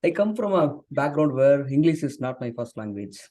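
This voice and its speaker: A Tamil-speaking man in his forties from southern India, a software engineer and author, appears as a guest in a conversational interview. His mid-range, dark-toned voice moves at a moderate pace with big pitch swings. He talks earnestly, with frequent fillers and restarts.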